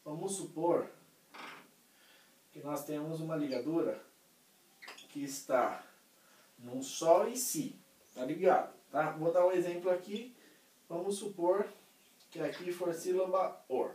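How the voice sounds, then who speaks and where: A man teaches music theory in a casual lesson, going step by step, checking in with his students and singing short examples. His voice is a little high with a darkish tone, unhurried and full of pauses. It was recorded from a distance in a roomy space, somewhat off-mic.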